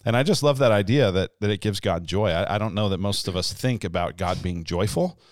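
Deep-voiced man giving a devotional talk. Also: no room sound, clean studio sound. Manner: earnest, unhurried teaching with fillers. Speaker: podcast co-host.

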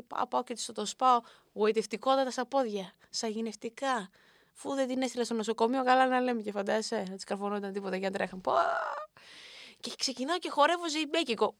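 A young woman hosting a show, telling a funny self-mocking story about a night out in a lively, animated way. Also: a little high, no room sound, clean studio sound. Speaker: radio host. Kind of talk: comic storytelling monologue.

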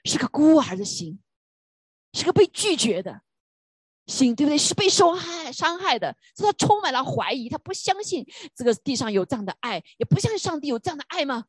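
A woman's voice: high-pitched, very animated, fairly quick, no echo. A woman preaching a sermon, telling a story with emphatic rhetorical questions.

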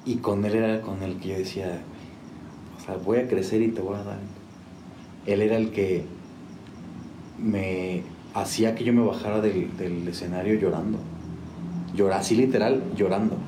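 A man's voice: lowish voice, steady tone, normal speed, long pauses, dark tone. A man, a musician telling stories casually, rambling with many restarts and fillers. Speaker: musician guest. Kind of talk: casual storytelling. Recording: echoey room with faint noise.

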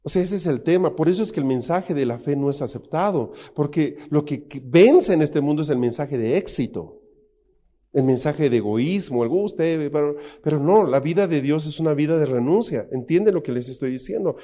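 A man's voice: fairly high pitch, moderate pace. A middle-aged man with a Mexican Spanish accent, preaching a sermon with jokes and rhetorical questions to the congregation. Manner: animated, jokey, acts out quotes in funny voices; asks the crowd constant rhetorical questions. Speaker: pastor.

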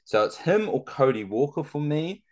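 A man's voice: a little high, big pitch swings, normal speed, darkish tone. A man chatting casually about sport as a guest, with a laid-back, slangy way of talking.

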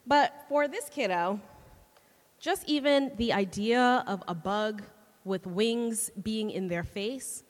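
A woman gives a conversational sermon with a mid-range voice, tossing quick questions and laughs to her listeners. Her voice carries a long reverb from a large church hall. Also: medium pitch. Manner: chatty, laughing, asks the audience questions. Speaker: church speaker.

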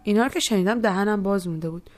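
A woman's voice: medium pitch, over loud music. A young woman narrating a personal story in a reflective, first-person way. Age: young adult. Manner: reflective, quotes others in voiced asides.

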